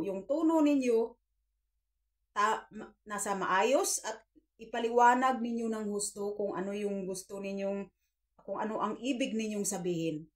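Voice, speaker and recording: A woman in her fifties talks straight to her viewers, earnest and a little preachy. Her voice sits at an ordinary middle pitch, and she keeps the tone of a casual home vlog. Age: 50s. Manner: earnest, preachy, addresses viewers as guys, acts out quoted dialogue. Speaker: vlogger giving life advice. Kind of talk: casual advice talk to viewers.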